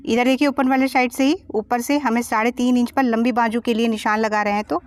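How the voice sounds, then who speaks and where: A woman's voice: fairly high pitch, steady tone, brisk, dry recording. Patient woman teaching blouse cutting. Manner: patient, explaining each step. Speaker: sewing teacher. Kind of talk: step-by-step tutorial voice-over.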